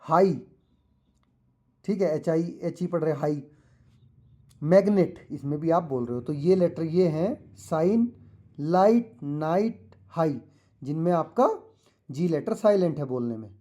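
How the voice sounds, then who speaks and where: A man teaching a school English lesson to children, reading the English text slowly and explaining it patiently with many repetitions. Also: a little high, expressive, dark tone. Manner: mixes English and Hindi, reads English slowly then explains.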